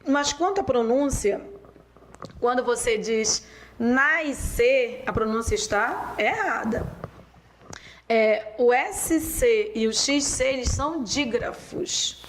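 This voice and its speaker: A Brazilian woman teaching a spelling lesson, dictating words slowly and drawing them out. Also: on the high side, a little hiss or hum, poor audio. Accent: Brazilian Portuguese. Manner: slow, drawn-out dictation of words.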